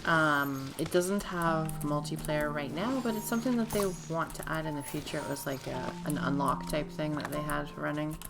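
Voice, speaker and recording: Female streamer, low and raspy from a fading voice, casual self-interrupting chatter over game music. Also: moderate pace, hardly any pauses. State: hoarse, losing her voice. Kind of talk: casual live gameplay commentary.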